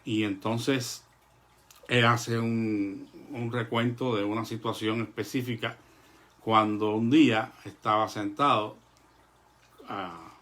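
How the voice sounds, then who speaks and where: A man preaching a sermon to his congregation in an earnest, measured way, pausing often and filling gaps with "eh". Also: fairly low pitch, fairly even intonation, fairly bright tone. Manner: earnest, measured delivery with pauses and "eh" fillers; addresses the congregation as brothers.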